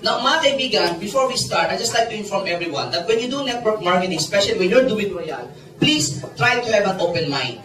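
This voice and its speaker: A man in his forties with a Filipino accent, a network marketing mentor telling stories to a seminar audience, animated and joking with the crowd. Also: sits high, brisk. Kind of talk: Taglish seminar storytelling. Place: seminar hall with a large audience. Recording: echoey hall, distant mic, loud crowd.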